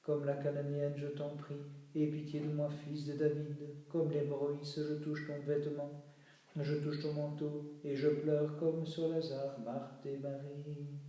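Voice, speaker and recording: A man chanting a slow, solemn liturgical reading in a chapel, moving between spoken lines and sung refrains. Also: on the high side, completely flat delivery, warm tone. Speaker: reader of liturgical texts. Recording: very echoey chapel, voice from far off.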